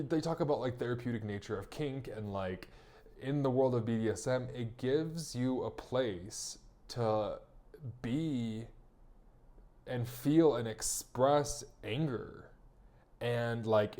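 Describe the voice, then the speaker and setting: A man's voice: mid-range voice, dark tone. A young man telling a personal story in a candid, rambling monologue, full of fillers and swearing. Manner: profane, rambling with many fillers. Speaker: vlogger recounting a personal story.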